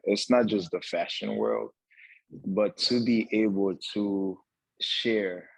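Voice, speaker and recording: A young man from Haiti, a guest entrepreneur on a talk show, speaking earnestly with many pauses and fillers. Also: deep voice, breathy edge, no echo, rough recording. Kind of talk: casual talk-show conversation.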